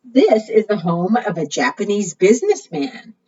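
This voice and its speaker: At preschool storytime, a librarian reads aloud in a sing-song way, often questioning the young children listening. Her voice is medium-pitched, husky and a little mellow, moving at normal speed, captured by a distant, muffled microphone.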